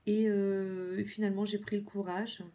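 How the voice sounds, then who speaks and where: A woman vlogger chatting casually through a makeup product review, repeating words often and filling pauses with many fillers. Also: mid-range voice, level tone, dark tone. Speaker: beauty vlogger.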